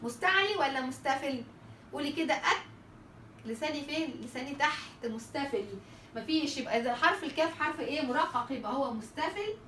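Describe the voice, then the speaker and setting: In a reverberant room far from the mic, with slight background noise, an Egyptian Arabic-accented woman teaches how Quranic letters are pronounced. She talks fast in a high, expressive, sharp voice, asking questions she answers herself and repeating sample sounds.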